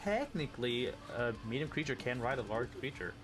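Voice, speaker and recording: A man acting as game master, calling rolls and describing the fight in a relaxed way. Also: mid-range voice, a little fast. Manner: relaxed, counting out movement and rulings. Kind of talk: running a tabletop game. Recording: music playing behind.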